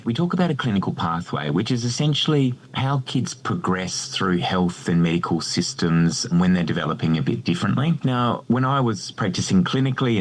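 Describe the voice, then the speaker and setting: An Australian man being interviewed on a podcast, explaining his work with enthusiasm and self-deprecating humour. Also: low-pitched. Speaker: guest researcher.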